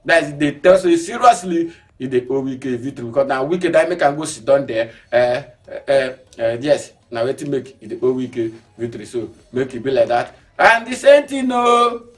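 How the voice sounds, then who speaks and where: A man's voice: moderate pace, distant mic. Joking Nigerian Pidgin news man. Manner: joking and animated, laughs often, swings between loud bursts and low mutters. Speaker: news show host. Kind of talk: comic Pidgin news commentary.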